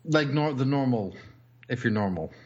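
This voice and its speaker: A man's voice: mid-range voice, lively intonation, moderate pace, darkish tone, highs cut off. A young adult man hosting a podcast in casual chat, rambling and cursing with lots of fillers. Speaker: podcast host.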